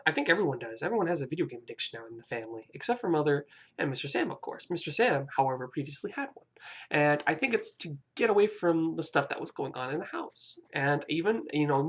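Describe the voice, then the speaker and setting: A young adult of about twenty vlogging a rambling, hesitant personal confession, often apologizing and restarting sentences. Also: medium pitch.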